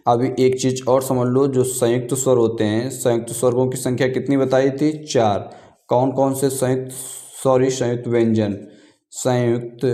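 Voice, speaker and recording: Flat, dark-voiced male teacher. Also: mid-range voice. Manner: repeats key terms slowly, asks and answers his own questions. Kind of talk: exam-prep grammar lesson. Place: room, writing on paper.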